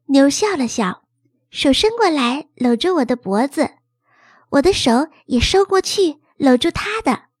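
A woman with a high, very lively voice reads a children's story aloud and tells it expressively, as a child would. The sound is close and dry. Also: a little slow, no room sound. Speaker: narrator. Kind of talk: storybook reading.

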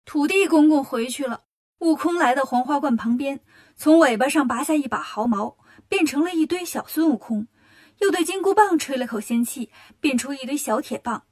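A woman narrating a children's story in a lively, expressive way. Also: high-pitched.

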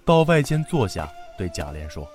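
Expressive man reading a children's story. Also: sits low, moderate pace, soft background music.

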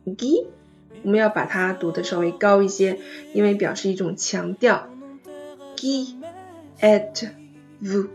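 A woman's voice: mid-range voice, flat delivery, vocal fry, a little mellow, muffled recording, faint music behind. Patient woman teaching French intonation. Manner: patient, explains step by step, models phrases slowly. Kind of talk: online language lesson.

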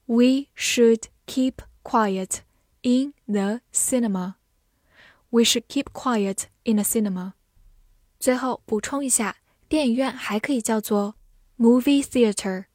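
Woman teacher going thru vocab super slow, highish voice, dry close sound. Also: a little mellow, dry recording. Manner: slow, careful drilling of words and spelling. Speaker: English teacher. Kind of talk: vocabulary lesson.

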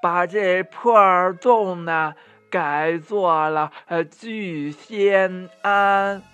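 A man voicing a kindly old village woman in a children's storybook, speaking slowly and drawn out. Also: high-pitched, a bit bright, clear, resonant tone, lo-fi sound, soft background music, exaggerated voice. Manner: slow, drawn-out speech.

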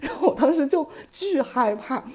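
A woman in her thirties chatting casually on a podcast, telling a story in a lively way and laughing often. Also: sits high, normal speed. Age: 30s. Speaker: podcast guest.

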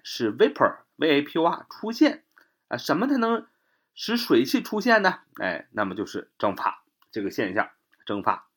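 Guy teaching english words w chinese accent, voice bounces around a lot, spells stuff out letter by letter. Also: medium pitch. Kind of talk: spoken vocabulary lesson.

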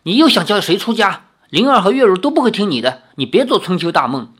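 A reader voicing a brash, hot-tempered young male swordsman who fires off quick, mocking retorts. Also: mid-range voice, sing-song, a bit bright.

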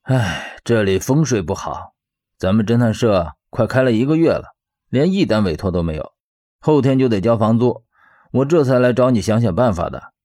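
A male narrator playing a blunt, hot-tempered young man with gruff speech in an audiobook. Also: lowish voice, animated, normal speed, dark tone, no echo, clean studio sound. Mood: awkward. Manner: gruff, angry outbursts.

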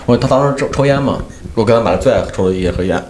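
Man, fast lively storytelling, laughs through punchlines, echoey room. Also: medium pitch, slight background noise. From Henan, China. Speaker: comedian. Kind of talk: storytelling in casual podcast chat.

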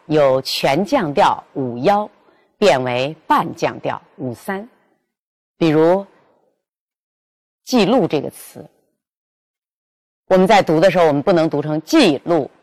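A woman teaching pronunciation, carefully and deliberately sounding out each example. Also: sits low. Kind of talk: instructional lesson with spoken examples.

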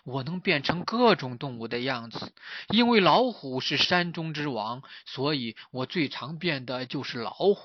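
A man voicing a weepy, motherly tiger who is a mountain spirit in a storybook, speaking softly. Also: medium pitch, lively intonation, moderate pace, muffled recording, slight background noise, lightly acted. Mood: gentle.

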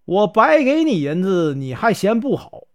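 A man's voice: high voice, big pitch swings, a little slow, full character voice. A man with a Northeastern Mandarin accent voicing an indignant, down-on-his-luck man in a spoken folk tale. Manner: exasperated, complaining.

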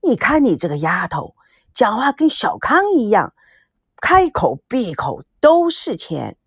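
A woman voicing a gentle, fussing elderly grandmother. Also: a little high, wildly swooping pitch, measured pace, breathy edge, no echo, studio quality, full character voice. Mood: doting gentle.

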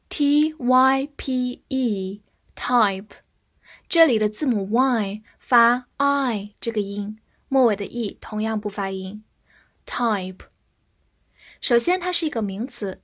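A woman teaches a vocabulary lesson at an unhurried, deliberate pace. Her voice sits a little high, and she spells words out letter by letter before reading each example slowly.

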